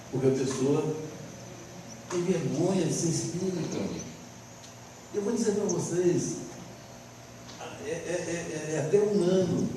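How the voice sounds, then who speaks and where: A man's voice: a little high, mellow, slight background noise. A middle-aged man with a Brazilian Portuguese accent gives a spiritist lecture in a folksy way, often ending with tag questions. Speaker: spiritist speaker. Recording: roomy, distant hall recording.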